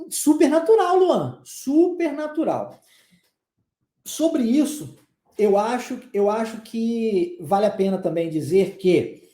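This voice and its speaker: A woman's voice: a little high, warm tone, reverberant. A woman with a southeastern Brazilian accent, giving a patient English pronunciation lesson and repeating phrases for drills. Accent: Brazilian Portuguese, southeastern. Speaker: English teacher.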